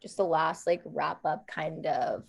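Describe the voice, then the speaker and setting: A woman in her early 20s, a dating show host and contestant, chats casually on a video call, her speech peppered with "like." Her voice sits low and unhurried, gravelly with a breathy edge, picked up by a video call microphone.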